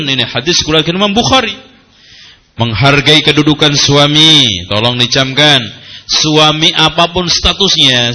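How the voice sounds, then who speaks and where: Bright, animated preacher man. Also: on the high side. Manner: animated, jokes with the audience, quotes Arabic. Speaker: Islamic preacher. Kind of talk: sermon with humor.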